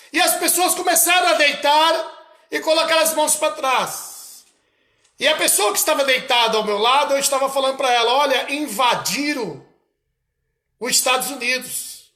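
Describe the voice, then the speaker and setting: High bright Brazilian missionary preaching. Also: male voice, echoey room. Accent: Brazilian Portuguese. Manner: slow, emphatic, repeating phrases. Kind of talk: sermon recounting a vision.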